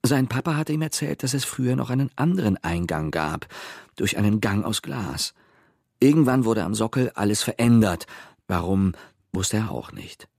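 Deep husky male storyteller. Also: moderate pace, no echo, clean studio sound. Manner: lively, expressive storytelling. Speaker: narrator. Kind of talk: audiobook narration for children.

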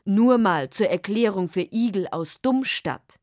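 Woman as cranky little male critter, indignant, slow and dry. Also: medium pitch, lively intonation, a little mellow, dry recording, close to an everyday voice. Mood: angry. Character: grumpy indignant male mole-like creature.

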